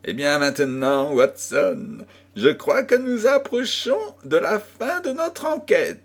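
A man reading an audiobook, voicing a calm, clever detective who speaks in a measured, smooth way. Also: fairly high pitch, voice pushed up, full character voice. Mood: confident. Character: Sherlock Holmes, calm, clever, confident man.

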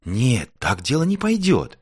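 A man's voice: fairly low pitch, huge pitch swings, normal speed, husky, no echo, clean studio sound, pitched above the performer's own voice, full character voice. A man voicing a curious, brave little girl star in a storybook, eager and chirpy. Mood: spirited. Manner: eager, chirpy, sometimes shouting. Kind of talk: storybook reading.

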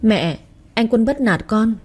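A woman's voice: on the high side, lively intonation, takes it slowly, darkish tone, husky, exaggerated voice. A woman reading a sulky jealous young wife. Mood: whiny. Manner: pouting, complaining. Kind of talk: audiobook character reading.

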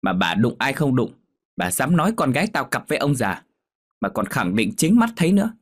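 A man reading a story, voicing a big angry woman fish seller, loud and scolding. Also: low voice, lively intonation, fairly quick. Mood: furious.

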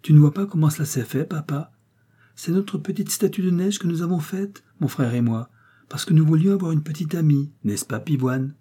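A pleading little girl in a storybook reading, as a male narrator puts her on, her voice lifted high and urgent. The tone stays husky and dark underneath. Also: moderate pace. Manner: pleading, emphatic. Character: little girl, earnest and insistent.

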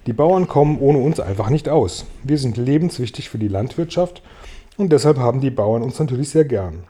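A man's voice: mid-range voice, expressive, moderate pace, mellow, slightly rough. A man voicing a smug, self-important earthworm in an audiobook reading.

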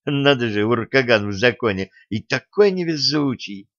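A man's voice: on the high side, steady tone, no echo, muffled recording, pitched above the performer's own voice, natural voice. A man doing a cool, mocking young guitarist. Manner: cool, sarcastic, unhurried.

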